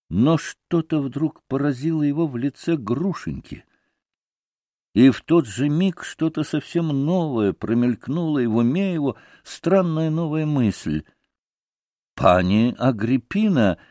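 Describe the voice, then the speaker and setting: A man reading a classic novel aloud as an audiobook narrator, expressive and acting every character. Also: fairly high pitch, no room sound, clean studio sound. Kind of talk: classic novel read aloud with acted voices.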